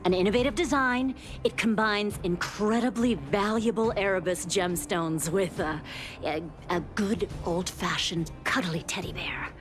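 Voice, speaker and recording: An actress voicing a brisk, formal female auctioneer in a video game, announcing items and calling out bids. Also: medium pitch, fairly even intonation, over music, lightly acted.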